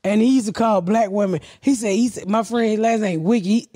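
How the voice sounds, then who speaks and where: A woman's voice: mid-range voice, brisk, mellow. A middle-aged woman spins long, rambling stories with blunt, profane humor. She speaks into a handheld mic on a living-room couch. The sound is dry and close, with little room echo. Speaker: podcast host. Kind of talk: casual storytelling chat. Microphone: handheld mic with headphones.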